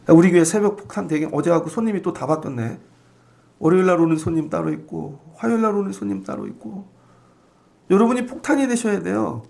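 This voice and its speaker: A male pastor with a high, gravelly voice preaching a dawn sermon. He talks like everyday conversation and acts out the lines of the people he quotes. He sounds middle-aged. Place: church sanctuary.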